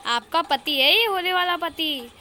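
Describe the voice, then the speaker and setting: A woman's voice: very high voice, lively intonation, a little slow, sharp tone, a little hiss or hum, voice pushed up, full character voice. A woman voicing an easygoing man who teases his sister-in-law. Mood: teasing. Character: joking brother-in-law, man.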